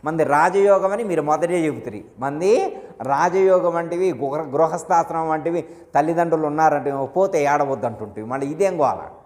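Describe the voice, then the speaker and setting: A man's voice: fairly high pitch, moderate pace, a little mellow. Man preaching in a reverberant ashram hall. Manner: storytelling, asking the listeners questions. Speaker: guru giving a discourse. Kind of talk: devotional discourse to disciples.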